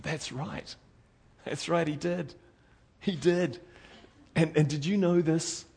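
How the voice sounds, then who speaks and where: This New Zealand-accented man preaches slowly in a voice on the high side, creaky and husky. He pleads earnestly with his audience, sometimes loud and urgent, sometimes quiet and intense.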